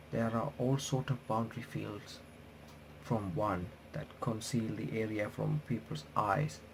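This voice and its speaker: Voicing a game's text as he plays, a man who hosts reaction videos stumbles along and reacts casually. His voice is on the low side and creaky. The background is noisy, with faint game music behind him.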